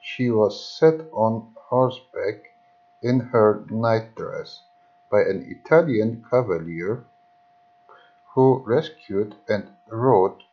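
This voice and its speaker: A man reading an old history book aloud, haltingly, often restarting words. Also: fairly low pitch, muffled recording. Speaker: reader. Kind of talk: slow audiobook reading of history.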